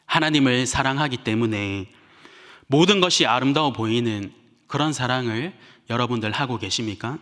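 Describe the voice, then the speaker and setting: A man's voice: medium pitch, moderate pace, fairly bright tone. A male pastor preaching a sermon, who acts out little everyday scenes and makes playful sound effects. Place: church sanctuary. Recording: church hall reverb.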